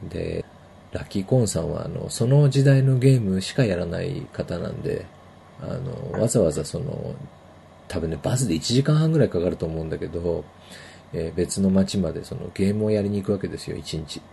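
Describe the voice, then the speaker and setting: Low, gravelly-voiced male podcast host. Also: expressive, dark tone, slight background noise. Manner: laid-back, unhurried, chatty. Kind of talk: casual podcast chat.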